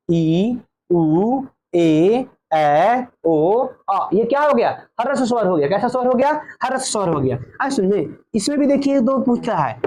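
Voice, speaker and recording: A man's voice: high voice, darkish tone. A man teaching a grammar lesson. He asks questions and answers them himself, and he draws out each vowel sound.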